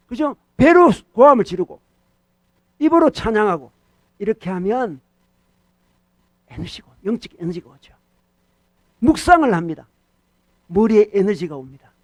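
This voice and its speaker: A man preaching a sermon as pastor, animated, repeating key phrases and questioning the congregation. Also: high voice, dry recording. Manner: animated preaching, acts out short rebukes to the devil.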